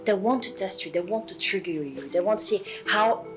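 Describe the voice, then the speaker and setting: A guest actress from England with a Southwest English accent speaks earnestly in a casual chat, often halting and restarting. Her medium-pitched voice is expressive, with music in the background.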